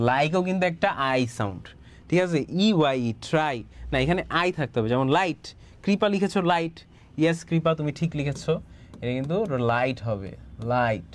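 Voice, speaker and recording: Bangladeshi man teaching an online English class. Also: a little high. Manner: encouraging, repeats words and checks with students often. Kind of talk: live online class, reading student answers.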